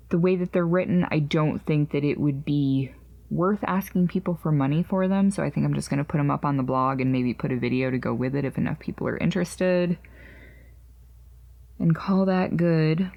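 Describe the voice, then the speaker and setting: Woman in her 30s, chatty crafting podcast host, lowish gravelly voice, loose and rambling. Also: muffled recording. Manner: chatty, rambling, jokingly refers to herself in third person. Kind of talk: casual chat about crochet projects.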